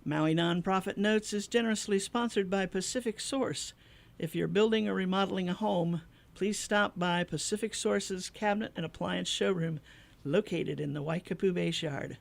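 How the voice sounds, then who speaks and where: A middle-aged woman from the American Midwest hosting a casual radio interview show, chatty and quick to laugh along with her guest. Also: medium pitch, creaky.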